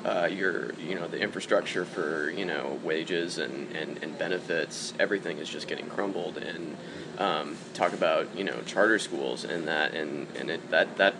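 A man's voice: low-pitched, moderate pace, noisy background. A man with an American accent chatting casually as a radio interview guest. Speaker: radio guest, newspaper editor.

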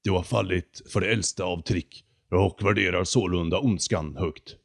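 A man voicing a deep, hoarse, arrogant condor. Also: full character voice. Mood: haughty. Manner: slow, haughty, lecturing. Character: arrogant giant talking condor, male.

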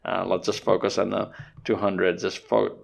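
A man from Nepal, hosting a casual podcast interview in a halting way, with many fillers and restarts. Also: low voice, flat delivery, gravelly. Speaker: podcast host.

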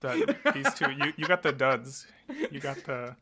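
A man's voice: medium pitch, big pitch swings, a little slow, noisy background. A man guest on a podcast, chatting casually in a laid-back way.

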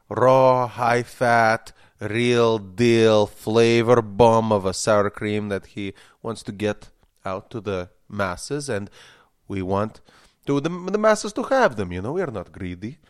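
A man's voice: medium pitch, slow, hardly any pauses, smooth, no room sound, clean studio sound, lightly acted. Man putting on a menacing, pompous heavy-accented Russian. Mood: rapturous, sly. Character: pompous, fanatical Russian sour cream promoter, faintly menacing man. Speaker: interview guest. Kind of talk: comedy mock interview.

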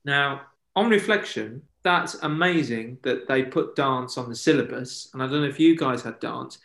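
A man's voice: mid-range voice, moderate pace, gravelly, a bit bright. A man, co-hosting a casual podcast chat and telling jokey, self-deprecating stories. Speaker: podcast co-host. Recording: echoey room.

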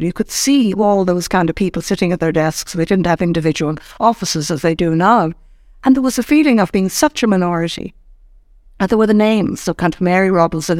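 Older woman, from Ireland, interview guest, unhurried reflective storytelling with restarts, mid pitch, dry recording. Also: darkish tone, no room sound. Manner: measured, searching for words with frequent restarts. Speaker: interview guest, former ombudsman.

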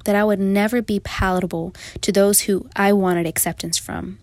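A woman's voice: mid-range voice, steady tone, normal speed, a little mellow, no echo. A young adult woman reading her own first-person story in a reflective, confessional manner. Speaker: narrator. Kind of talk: first-person memoir narration.

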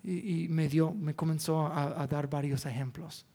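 Brief: male pastor, high voice, candid self-deprecating sermon storyteller. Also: fairly even intonation, normal speed, mellow. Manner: candid, self-mocking storytelling with quoted prayers.

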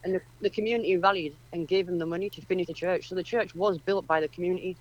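A woman from northeast England with a Durham accent speaks earnestly as a radio guest representing a community project, explaining things in a conversational interview. Her voice is on the low side and fast, with fairly even intonation, and the audio sounds dull.

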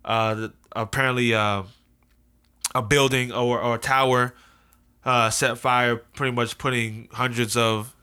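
American guy hosting a casual talk, bright forceful voice, keeps restarting and repeating words. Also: mid-range voice, flat delivery, a little slow, clear, resonant tone. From United States. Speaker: host. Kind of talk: casual discussion.

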